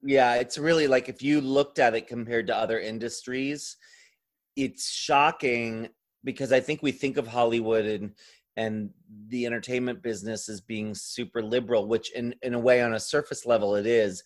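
The guest here is a drag performer in a casual podcast chat, his mid-range voice steady in tone and moderate in pace. He works through his thoughts aloud, wandering a bit and using filler phrases frequently.

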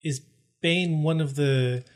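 A man's voice: fairly high pitch, slow. A man playing a tabletop game, talking casually with stumbles and giggles. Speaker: player.

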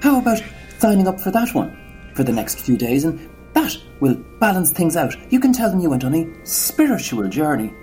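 A man's voice: fairly high pitch, sing-song, moderate pace, warm tone, faint music behind. A man voicing a prim, sardonic parish priest in a comedy sketch, patient and mildly scolding. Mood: dry, scolding.

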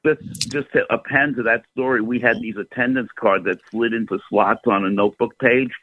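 A man's voice: mid-range voice, fairly quick, slightly rough, no room sound. Older man on a phone line. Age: 70s. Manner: steady, detailed storytelling. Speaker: caller. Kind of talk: call-in radio chat.

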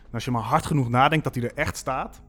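A creepy ghost boy who lives in the walls coaxes in a hushed, whispery voice, as a man puts him on while telling a spooky tale. A faint bed of music sits underneath. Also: medium pitch, fast talker, lightly acted. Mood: eerie coaxing.

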